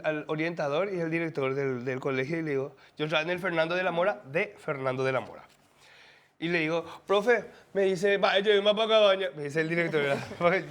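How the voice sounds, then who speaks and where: Lively Paraguayan man telling stories. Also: fairly high pitch. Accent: Paraguayan Spanish. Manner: animated, laughing, mimics voices. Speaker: guest impressionist. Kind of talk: casual storytelling.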